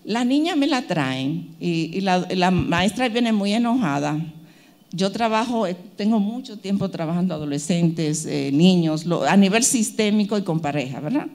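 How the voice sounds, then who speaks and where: A woman's voice: fairly low pitch, lively intonation, moderate pace, a little mellow. Woman preaching an emphatic sermon. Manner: emphatic, repeats phrases, acts out quoted voices.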